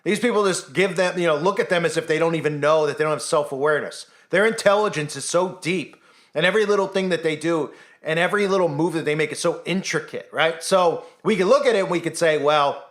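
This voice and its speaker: A commentary channel host delivers a conspiracy monologue, insistent and rhetorical, occasionally acting out imagined voices. His voice is fairly high and fairly bright, and he talks quickly.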